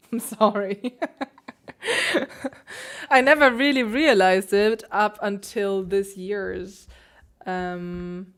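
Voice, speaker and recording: Woman, pianist and livestream host; chatty, laughs easily, casual. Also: medium pitch. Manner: chatty, laughs often, answers chat questions.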